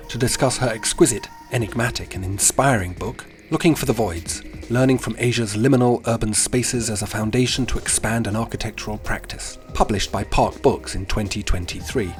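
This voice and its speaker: A man from Britain hosting an interview podcast, asking questions politely and eagerly, with the odd stumble. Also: on the low side. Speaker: podcast host. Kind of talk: interview conversation.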